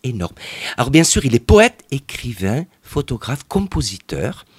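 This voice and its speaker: A talkative man guesting on a radio show, his voice climbing and falling in lively swings as he chats. He rambles eagerly from one point to the next, recorded close and dry in a studio. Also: mid-range voice, a little slow, breathy edge, dry recording. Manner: enthusiastic, talkative, digressive. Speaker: radio guest, arts association member. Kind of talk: radio interview conversation.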